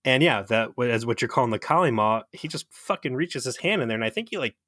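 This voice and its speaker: Casual male co-host, dry close mic, animated retelling, salty language. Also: mid-range voice, fast talker, slightly rough, no echo. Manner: animated, acts out quotes, swears, laughs. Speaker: podcast co-host. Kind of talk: casual chat recapping a TV episode.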